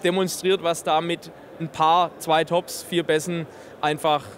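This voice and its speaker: At a busy trade fair booth in a large hall, a man in his thirties presents a loudspeaker system as an exhibitor, speaking into a handheld microphone held by the interviewer. His slightly high voice has a flat delivery and measured pace, yet his technical explanation is enthusiastic. There is slight background noise.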